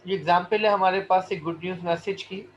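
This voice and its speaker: A male lecturer explaining points quickly, then reading English passages slowly and deliberately, on a dull lo-fi recording. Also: high-pitched, fairly even intonation. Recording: dull lo-fi recording with faint noise.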